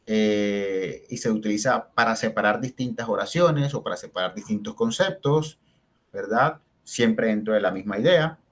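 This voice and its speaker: A man's voice: fairly low pitch, normal speed. A man giving a spelling lesson who explains step by step, stresses example words and keeps checking in with short questions. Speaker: teacher.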